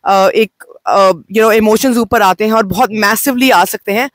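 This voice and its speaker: A woman life coach gives a gentle, slow self-help talk, mixing Hindi and English. She is unwell and says her voice sounds off. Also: mid-range voice, dry recording. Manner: mixes Hindi and English, speaks slowly and gently. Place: outdoors on location.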